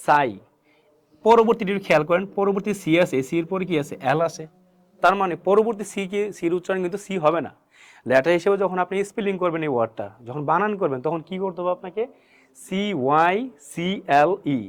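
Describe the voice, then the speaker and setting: Speaking fast in a high-sitting voice, a man teaches English pronunciation in a classroom-style lesson. He keeps posing questions and answering them on his own, going back over the key words.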